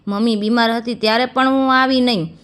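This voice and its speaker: A woman's voice: on the high side, fairly even intonation, fairly quick, natural voice. A woman reading the lines of a remorseful, once-rich younger sister who speaks in a pleading, apologetic way in a narrated storybook tale.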